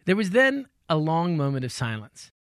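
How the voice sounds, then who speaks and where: A radio host telling a first-person story in a wry, measured, scripted way. His voice sits a bit high for a man, and soft music plays faintly beneath. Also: very animated.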